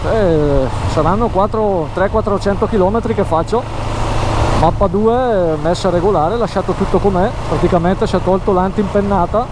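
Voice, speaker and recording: A man giving casual motovlog commentary from inside his helmet while riding, halting and repeating his phrases. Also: high voice. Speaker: motorcycle vlogger. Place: outdoors, riding a motorcycle. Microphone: helmet microphone. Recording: engine and wind noise behind voice.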